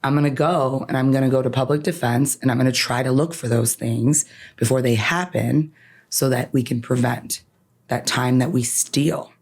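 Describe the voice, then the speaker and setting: Her bass voice is a little mellow and slightly rough, at normal speed with fairly even intonation. A Canadian-raised attorney with Farsi as her first language, she guests on a podcast interview, reflecting personally, earnest and emphatic, often closing points with "right?"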